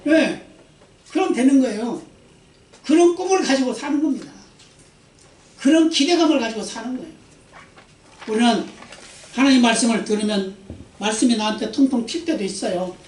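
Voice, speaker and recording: A male pastor delivers a Sunday sermon in a high voice and often calls for the congregation's answer. The sound is roomy and echoey. He is heard from some distance, as if the mic sits far across the sanctuary. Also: expressive, normal speed, pauses often. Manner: emphatic preaching, asking the congregation for responses. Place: church sanctuary. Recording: echoey church hall from a distance.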